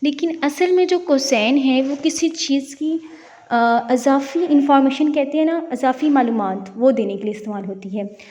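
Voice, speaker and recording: A woman's voice: high-pitched, moderate pace, warm tone, big-room sound. A young woman who hosts a channel, explaining a writing lesson step by step with examples. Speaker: teacher and channel host.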